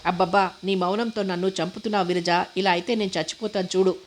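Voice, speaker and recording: A woman voicing a young man in a storybook reading, a remorseful and exasperated lover, with a level, low-key delivery. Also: steady tone, normal speed, slight background noise, lightly acted.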